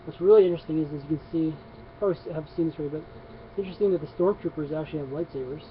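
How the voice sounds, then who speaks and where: A comics vlogger talks fast in a fairly high voice, rambling casually on camera about his comic book haul with lots of fillers and restarts. The recording is dull and lo-fi with faint noise.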